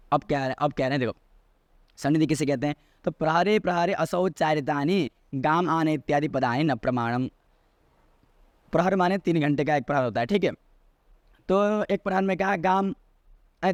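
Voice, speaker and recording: A man's voice: a little high, no room sound, clean studio sound. A man explaining a classical logic text as a teacher, repeating key terms and asking and answering his own questions. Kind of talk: explanatory lecture.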